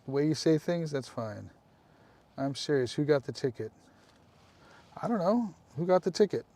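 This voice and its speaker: A man's voice: a little high, lively intonation, normal speed, mellow. A man hosting a casual live stream, chatting with viewers, calling them by name and making apologetic asides.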